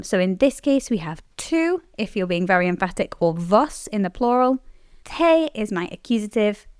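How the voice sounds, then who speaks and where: A woman explaining Latin grammar in a scripted lesson, clearly stressing the key words. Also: medium pitch, darkish tone, no echo, studio quality. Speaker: Latin teacher.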